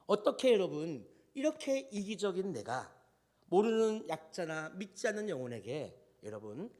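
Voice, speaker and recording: Animated high-voiced male pastor preaching. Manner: animated, addresses the congregation directly. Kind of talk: sermon.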